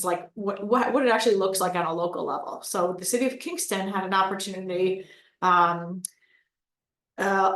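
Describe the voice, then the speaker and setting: A woman's voice: medium pitch, fairly bright tone. Woman talking on a video call, lots of uhs and restarts, roomy echo around her. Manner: chatty, many "uh" fillers and restarts. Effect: speaking over a video call. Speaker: city sustainability coordinator presenting. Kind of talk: webinar presentation.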